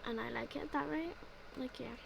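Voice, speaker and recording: This gaming video creator, a young woman, talks fairly quickly in a high-pitched voice with vocal fry. Her casual gameplay narration meanders, stuffed with fillers and repeated "like, yeah," over a noisy background.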